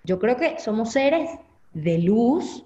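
Telling her own story candidly as an interview guest, a young woman with a Venezuelan Spanish accent acts out the thoughts she once had. She speaks slowly but very animatedly, in a warm, fairly high voice, and the recording sounds echoey and a bit dull.

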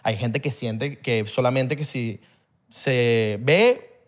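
A man's voice: mid-range voice, takes it slowly. A man, hosting a podcast and explaining a topic in casual, rambling chat full of slang. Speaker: podcast host.

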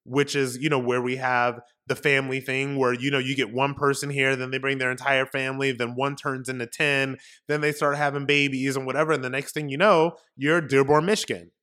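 A man's voice: mid-range voice, flat delivery, fairly quick, hardly any pauses, sharp tone. Emphatic ranting male podcast host. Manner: rhetorical questions. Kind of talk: political commentary monologue.

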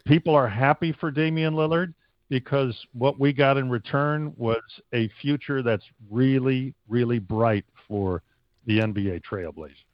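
A man's voice: mid-range voice, measured pace, no echo, muffled recording. A man from the United States who works as a stadium announcer, answering interview questions casually and wordily, with stops and starts.

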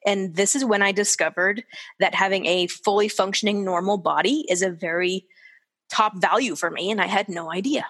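A woman in her forties telling her own story in casual conversation, candid and animated, acting out the people she quotes. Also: medium pitch, moderate pace. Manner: candid and animated, quoting others in lively voices. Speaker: guest. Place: lives in the desert southwest of the US.

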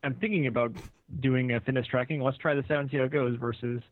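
A man's voice: medium pitch, steady tone, fast talker, no room sound. A man co-hosting a casual podcast chat from a remote line, his voice crunchy and bitcrushed by digital distortion. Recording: crunchy, tinny call-in line.

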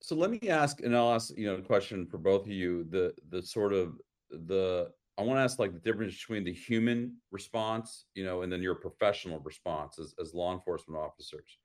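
A man's voice: sits low, brisk. A man hosting a podcast, asking long rambling questions full of "you know" and restarts. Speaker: podcast host. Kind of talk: interview questions.

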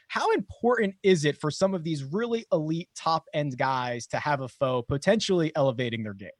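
A high-voiced man hosting a golf podcast. He is upbeat and quick to laugh as he introduces each guest. The recording is dry. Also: no room sound. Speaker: podcast host. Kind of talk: casual chat, introducing guests.

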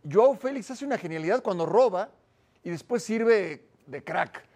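A man's voice: sits high, animated, normal speed, darkish tone. A man chatting through football analysis as a studio pundit. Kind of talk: conversational match analysis.

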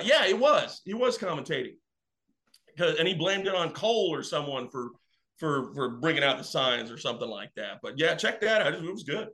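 A man guest chatting casually, telling animated stories and acting out what people said. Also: a little high. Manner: animated, acts out quotes. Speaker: wrestling fan guest. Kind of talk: casual storytelling.

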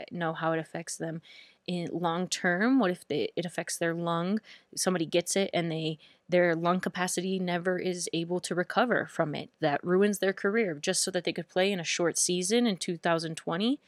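A woman hosting a sports podcast, her voice sitting fairly low. She talks in a lively, incredulous way and often restarts words mid-sentence. The sound is dry and close. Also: normal speed, no echo. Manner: animated, laughs in disbelief, restarts words. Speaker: podcast host. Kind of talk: sports podcast talk with read ads.

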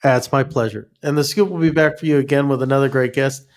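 A man's voice: medium pitch, fairly even intonation, quick pace. A man hosting a podcast in casual interview chat, his nose stuffy from a cold. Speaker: podcast host.

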